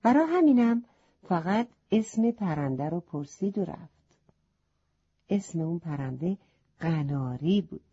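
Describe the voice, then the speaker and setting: A woman narrating a children's story, speaking gently to the young listeners, on a slightly muffled recording. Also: on the low side, lively intonation, long pauses, slightly rough.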